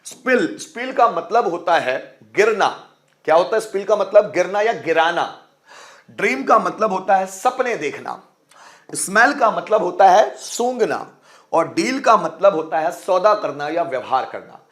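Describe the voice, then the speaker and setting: A man with a fairly high voice teaches English verb forms while speaking in Hindi. He repeats each example word aloud and keeps asking his viewers questions as he goes. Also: lively intonation, unhurried, fairly bright tone. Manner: repeats words aloud and asks the class questions. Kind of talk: explaining grammar rules in Hindi.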